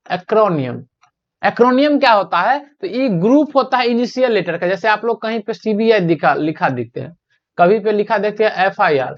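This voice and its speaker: A male teacher with a Bihari Hindi accent giving an exam-prep lesson, asking questions and answering them himself, and reading English question lines out slowly. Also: high voice. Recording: dull lo-fi sound.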